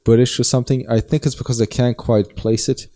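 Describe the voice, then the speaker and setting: A man's voice: mid-range voice, level tone, a little fast, dark tone. A man with a northern German accent, co-hosting a casual podcast chat and rambling through his points with lots of fillers and restarts. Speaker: podcast co-host.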